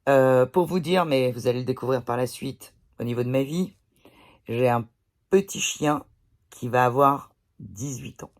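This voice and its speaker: A woman's voice: very deep voice, unhurried. A woman chatting casually to her phone camera indoors, blunt and swearing freely as she tells everyday stories. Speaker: vlogger. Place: indoors, pillow behind her.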